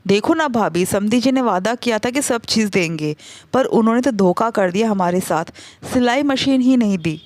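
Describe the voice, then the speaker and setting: A grasping middle-aged mother-in-law in a storybook tale scolds and complains in a fairly high voice, voiced by a woman. The sound is dry and close, with no room around it. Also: expressive, normal speed, darkish tone, no room sound, close to an everyday voice. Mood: complaining. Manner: scolding, self-pitying complaints.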